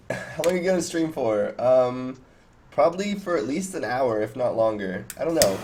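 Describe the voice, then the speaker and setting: Amid slight background noise, a man of twenty, in his 20s, talks with his live stream viewers through a video call headset from a small home room. He's a cannabis streamer whose medium-pitched voice is animated and a little mellow at a moderate pace, and he rambles, laughs, and restarts a lot.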